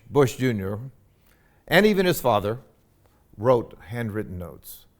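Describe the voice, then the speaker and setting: A man with a mid-range voice gives a university lecture on etiquette, speaking loudly and emphatically with frequent fillers.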